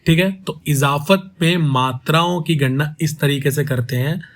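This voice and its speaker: Man, fairly high voice, explaining step by step, asks quick questions, drawls out example words. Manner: asks rhetorical questions and repeats words slowly to show pronunciation. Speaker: poetry teacher.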